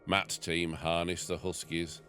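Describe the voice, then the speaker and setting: A man's voice: low-pitched, flat delivery, unhurried, sharp tone, a little hiss or hum. A farmer reading his family's memoir aloud in a wry storytelling manner.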